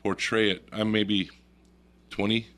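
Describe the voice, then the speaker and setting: A man's voice: lowish voice, level tone, slow pace, a bit bright. A man telling a story on a radio talk show, laughing often and acting out the voices in it. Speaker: guest storyteller.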